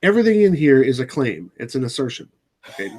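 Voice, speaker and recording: A man of middling pitch talking in a loose, casual chat. He is blunt and sarcastic, swears freely, and often stops and restarts mid-sentence. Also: big pitch swings, quick pace, darkish tone. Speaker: channel host.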